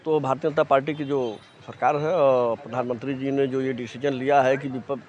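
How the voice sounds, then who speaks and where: A man's voice: mid-range voice, fairly even intonation, fairly quick, darkish tone, slight background noise. A man in a street interview, talking emphatically and often repeating the same filler phrase. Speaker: passerby giving opinion. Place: outdoors on a city street.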